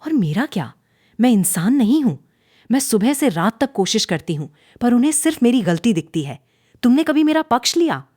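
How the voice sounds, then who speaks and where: A woman's voice: on the high side, very animated, normal speed, dark tone, no echo, studio quality, voice pushed up. A woman voicing an overworked young daughter-in-law who answers back in a pained, pleading way in a cartoon story. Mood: hurt.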